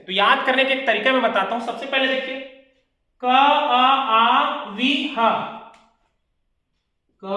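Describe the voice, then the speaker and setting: A male teacher explains grammar with a clear, bright tone. He keeps posing questions and answering them himself, going over each point again and again. The sound rings heavily around a very echoey room. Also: extremely high pitch. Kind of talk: classroom grammar lesson.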